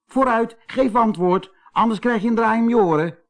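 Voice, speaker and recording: A man voicing a cheeky, boastful young male rabbit trickster in a storybook, squeaky and bossy. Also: lively intonation, unhurried, darkish tone. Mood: angry. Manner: squeaky, bossy and pleading by turns.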